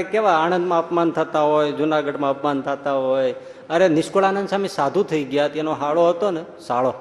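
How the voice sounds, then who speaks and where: A male swami giving a storytelling sermon, lively and acting out the people in his stories. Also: mid-range voice. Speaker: swami preacher. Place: large hall at a religious school. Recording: echoey hall, faint background hum.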